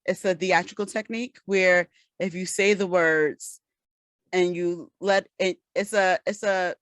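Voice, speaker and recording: A woman's voice: fairly low pitch, fairly even intonation, unhurried, fairly bright tone, dry recording. A woman co-hosting a casual podcast chat, patiently explaining and giving advice. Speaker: podcast co-host.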